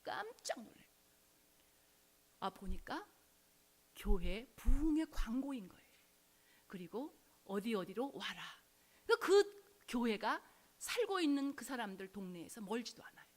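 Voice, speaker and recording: A woman's voice: a little high, very animated, a little slow, long pauses. A woman preaching, telling a conversion story with dramatic swings into whispers and acted-out quotes. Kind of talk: sermon storytelling.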